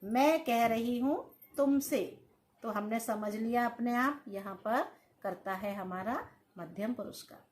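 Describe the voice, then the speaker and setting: A woman's voice: on the high side, unhurried. A woman teaching a Sanskrit grammar lesson, dictating sentences word by word and stretching each word. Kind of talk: slow classroom-style grammar lesson.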